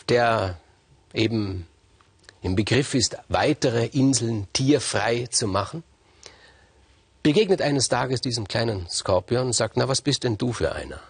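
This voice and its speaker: A man retelling a Greek myth in a lively, conversational way with emphatic asides. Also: medium pitch, husky, no room sound. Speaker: storyteller. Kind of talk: freely told myth narration.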